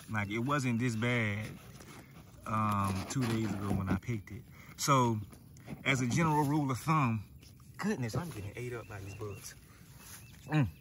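A man records a casual walkthrough of his vegetable garden and talks in a relaxed, thinking-aloud way. He sounds a little out of breath, and his voice sits at a middle pitch. Faint outdoor ambience and animal sounds run quietly behind him. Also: slight background noise. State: slightly out of breath. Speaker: gardening vlogger.

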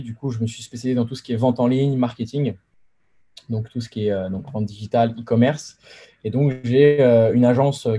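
Mellow young French man on a video call. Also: medium pitch, breathy edge. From Paris region, France. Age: 20s. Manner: relaxed and chatty, many fillers and restarts. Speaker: guest entrepreneur. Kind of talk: casual interview on a video call. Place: bedroom with framed pictures, indoors. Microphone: video call webcam.

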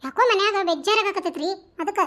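A woman's voice: very high-pitched, fast talker, fairly bright tone. A woman voicing a young cartoon wife with a North Karnataka accent, chatty and nagging. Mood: teasing. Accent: North Karnataka Kannada.

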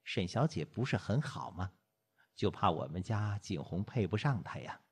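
A man voicing a chatty, doting elderly grandmother in an audiobook, gently chiding her husband. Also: low voice, lively intonation, normal speed, husky, exaggerated voice. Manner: nagging, chiding.

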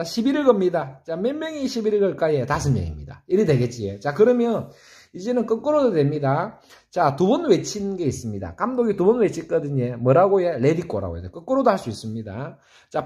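A middle-aged man with a Gyeongsang Korean accent teaches music theory online, quizzing viewers and answering his own questions in a sing-song way. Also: darkish tone. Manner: call-and-response quizzing, asks then answers himself; sing-song, jumps between high questions and low answers. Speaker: saxophone teacher.

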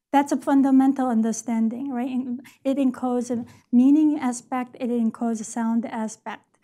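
An education professor with a high, slightly mellow voice gives an academic lecture from a podium on a lecture stage. She speaks in an explanatory way, often checking in with "right?" and correcting herself.

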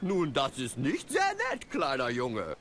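An actor voicing a goofy, giggling, short-tempered carnival dog mascot in a cartoon adventure game. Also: male voice, mid-range voice, wildly swooping pitch, a little slow, fairly bright tone, a little hiss or hum. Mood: menacing. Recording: carnival game music behind.

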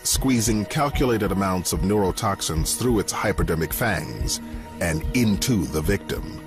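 A man reads scripted nature documentary narration in a measured, dramatic storytelling delivery. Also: lowish voice. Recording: music bed under the narration. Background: background music.

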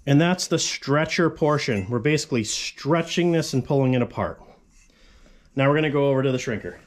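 A fabrication channel host in his forties casually explains a metal shop tool in his cluttered home garage workshop, which has tarp walls. His voice is medium-pitched, animated and a little fast, and he rambles with frequent asides.

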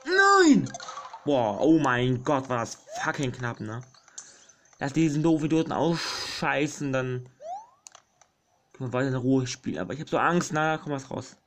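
A young man giving casual commentary over a platform game, fretting aloud, pleading, and yelling at enemies. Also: medium pitch, normal speed, slight background noise. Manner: excitable, frets and shouts at enemies. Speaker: gaming YouTuber. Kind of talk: casual let's play commentary. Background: game music.

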